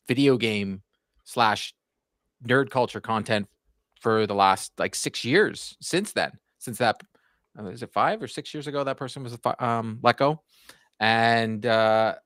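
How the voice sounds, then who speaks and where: This Canadian hockey YouTuber in his forties has a medium-pitched voice that's slightly bright, clear and resonant. He rambles casually about his channel on a podcast, full of fillers and restarts, recorded dry with studio quality.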